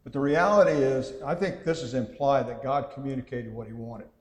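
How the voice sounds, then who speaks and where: A man in a large church hall teaches scripture in an easy, conversational way, pausing with "uh" and correcting himself as he thinks aloud. His mid-range voice carries a long, roomy echo. He reads verses aloud with added emphasis. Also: mid-range voice. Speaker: preacher teaching a Bible class. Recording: echoey hall with long reverb.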